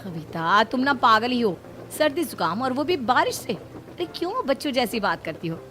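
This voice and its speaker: A woman voicing a loud, bossy, youthful mother-in-law in a cartoon story who scolds and snaps quickly. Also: big pitch swings, a little hiss or hum. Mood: playful bossy. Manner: shrill, scolding, quick-tempered.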